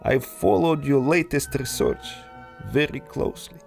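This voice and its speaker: With faint music behind him, a man plays a silky villain scientist in a pulp adventure audio drama, a suave, treacherous exiled aristocrat from Russia. His voice is medium-pitched and darkish, delivering silky menace slowly and deliberately.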